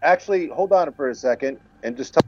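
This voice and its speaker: Man, fairly high voice, hollow well-like Skype audio, dull lo-fi line, wry halting chat. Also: lively intonation, husky, no echo. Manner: wry, halting, with trailing restarts. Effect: hollow Skype audio, as if at the bottom of a well. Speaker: guest on a call-in show. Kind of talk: casual chat. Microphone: Skype call from home.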